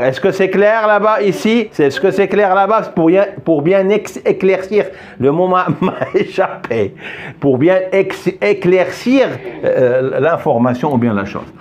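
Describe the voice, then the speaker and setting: Slow, patient male French teacher. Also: on the high side, slight background noise. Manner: patient, repeats words and checks understanding often. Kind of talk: classroom lesson. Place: classroom with a board.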